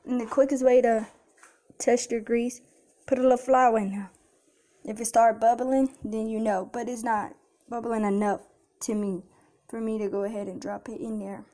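A woman's voice: a little high, level tone, normal speed, mellow. A young woman chatting casually through a home cooking tutorial, filming on a handheld phone in her kitchen. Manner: chatty, addresses viewers as y'all and guys. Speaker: cooking vlogger. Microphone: handheld phone camera.

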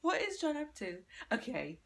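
A woman's voice: sits high, sing-song, normal speed, fairly bright tone, breathy edge. A woman vlogging to camera from a hotel room, chatting in a rambling way with fillers and giggles, filming at arm's length. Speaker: family vlogger. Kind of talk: casual vlog chat to camera. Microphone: handheld camera held at arm's length.

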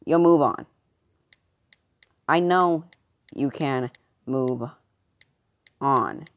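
A woman performing an amateur skit, reading the lines in a halting, unpolished way. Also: very deep voice, dull audio. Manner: unpolished, halting line delivery. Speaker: skit performer voicing both parts.

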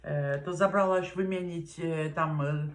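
A man's voice: a little high, fairly even intonation, unhurried, roomy sound. A man from Poland giving a casual weekly tarot reading, chatty and direct with advice, slipping English words into his speech. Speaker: tarot reader.

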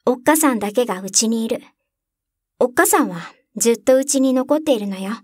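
A woman voicing a rough, bossy young robber girl in a storybook reading, with blunt tomboyish speech. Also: on the high side, lively intonation, fairly quick, no echo, studio quality.

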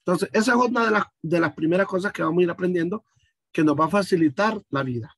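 A Honduran man teaches an online class, walking through things step by step and checking in with his students. His fairly high, husky voice moves fast and has a fairly bright tone. The audio is dry and close, like a video call with no room sound, and he's patient and explanatory, speaking to the students directly.

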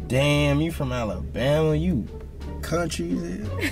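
A man's voice: on the high side, lively intonation, unhurried, distant mic, music in the background. A twenty-year-old man from Chicago on a blind date, joking in slangy casual talk inside a car. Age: 20s. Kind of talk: casual chat.

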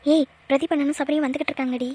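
A woman's voice: high voice, steady tone, very fast, warm tone, close to an everyday voice. A woman voicing a tearful young female college student in a cartoon, emotional and pleading. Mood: urgent. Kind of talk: cartoon voice acting.

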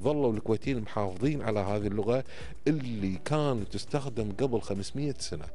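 A man's voice: on the low side, quick pace, mellow. A man in his fifties with a Kuwaiti Gulf Arabic accent, explaining emphatically like a teacher in a podcast conversation, checking often that he is followed. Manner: emphatic, didactic, frequent checking tags. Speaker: podcast guest. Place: indoor podcast studio. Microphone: close studio microphone on boom arm.

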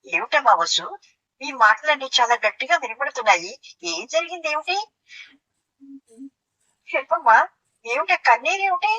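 A woman's voice: sits high, animated, normal speed, long pauses, bright, forceful tone, far from the mic, dull audio. A woman voicing a worried elderly father who anxiously questions his daughter.

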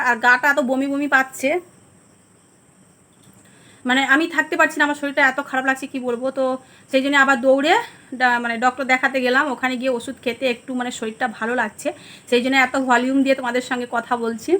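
Chatty Bengali housewife vlogging at home. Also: female voice, sits high, steady tone, fast talker, bright, forceful tone. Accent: Bengali (West Bengal). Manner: chatty, rambling, many fillers. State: hoarse, throat going. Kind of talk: casual vlog chat to viewers.

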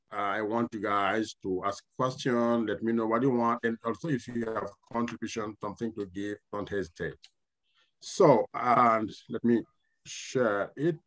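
A man from Senegal with a Senegalese French accent, his first language French, giving a history lecture over a video call on a headset, halting with many fillers and restarts. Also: mid-range voice. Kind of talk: online lecture presentation. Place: home room with shelves, indoors.

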